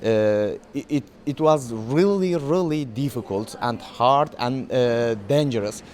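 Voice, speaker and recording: A man from Turkey with a Turkish accent, a documentary filmmaker speaking English as a second language in a festival interview, halting with many fillers and restarts. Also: mid-range voice, darkish tone.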